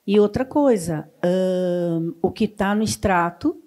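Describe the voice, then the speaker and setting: A woman's voice: on the low side, slow, warm tone. A woman in the audience asking the panel a question, hesitantly explaining her situation. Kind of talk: question from the floor.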